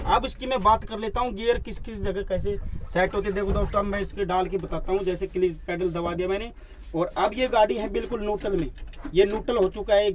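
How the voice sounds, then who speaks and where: A man's voice: sits high, darkish tone, lo-fi sound, a little hiss or hum. A man acting as a driving instructor, giving a hands-on demonstration inside a truck cab, explaining each part step by step and repeating the terms for his viewers.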